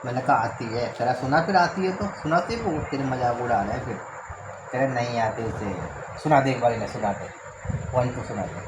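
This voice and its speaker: A man's voice: mid-range voice, brisk. A man from the Garhwal hills with a Garhwali accent, chatting casually as a family vlogger and father at home, rambling and coaxing his child. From Garhwal hills, India. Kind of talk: casual home vlog chat. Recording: home recording with clear background noise.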